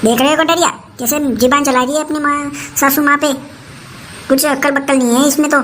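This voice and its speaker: In a comic skit, a woman plays a bossy old mother-in-law who nags and threatens in a rustic dialect. Her high voice is steady and fairly bright, she speaks briskly in a scolding mood, and the rough recording carries a faint hiss.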